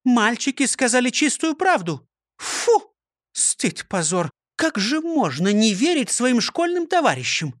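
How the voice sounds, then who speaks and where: A man's voice: very high-pitched, very animated, measured pace, fairly bright tone, no echo, clean studio sound, voice pushed up, full character voice. A man voicing a stern, strong-willed woman who scolds in indignant tones. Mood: firm.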